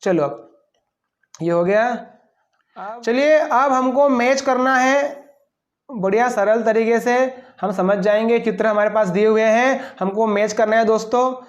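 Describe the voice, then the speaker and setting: A man's voice: very high voice, measured pace. A male English teacher giving a class lesson. He poses each question and answers it himself, with playful asides between the words. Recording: dull lo-fi recording.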